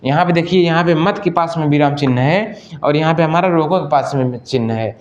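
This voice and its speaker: A man's voice: on the high side, darkish tone, highs cut off. A male Hindi teacher giving an exam-prep lesson, repeating each question to the class and then answering it himself, and addressing listeners as friends. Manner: stretches out example sentences slowly.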